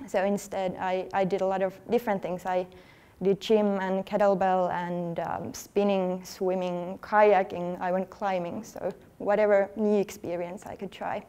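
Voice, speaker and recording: A woman, giving an earnest, conversational talk at a conference, now and then pausing over her words. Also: medium pitch, flat delivery, mellow, clean tone. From Finland. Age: 30s. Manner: earnest, conversational, slightly halting. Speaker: athlete speaking at a workshop. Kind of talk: conference presentation. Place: conference hall.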